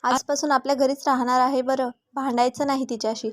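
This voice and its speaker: A woman's voice: high voice, level tone, a little fast, no echo, clean studio sound, close to an everyday voice. Woman voicing a kind motherly village woman. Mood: gentle. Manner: gentle, coaxing.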